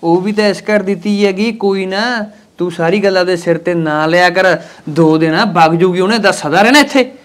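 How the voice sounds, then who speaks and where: A man's voice: sits high, normal speed, few pauses, lightly acted. A man playing a scheming, placating husband. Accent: Punjabi. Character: scheming husband eyeing the family land.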